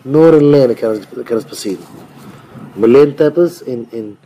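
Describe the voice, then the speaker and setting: A mellow-voiced rabbi giving a rambling talk. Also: male voice, mid-range voice, moderate pace, husky. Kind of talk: informal Torah talk.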